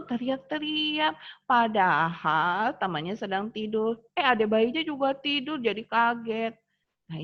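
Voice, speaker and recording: A woman teaching a lesson on manners to young children in a sing-song teacher voice, asking them questions. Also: mid-range voice. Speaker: kindergarten teacher. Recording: dull lo-fi home recording.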